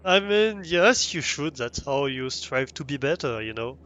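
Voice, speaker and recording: A man's voice: medium pitch, lively intonation, unhurried, a bit bright. A young man with a French accent, streaming a game live and chatting with viewers, hesitant with many fillers and restarts. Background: faint music.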